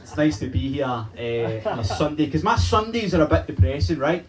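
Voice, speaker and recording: A young man with a Glaswegian Scottish accent doing a stand-up comedy set in a club, telling punchy stories with swearing and acting out shouted lines. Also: a little high, sing-song, a little fast, a little hiss or hum, rough recording. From Glasgow, Scotland. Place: comedy club with a live audience. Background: audience laughter.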